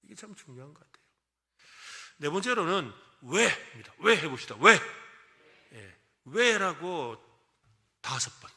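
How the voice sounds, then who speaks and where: Male pastor, higher-pitched and very lively in pitch, leads call-and-response and acts out feelings. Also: measured pace, long pauses. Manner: leads the congregation in counting and repeating phrases, acting out feelings. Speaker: senior pastor. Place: church service.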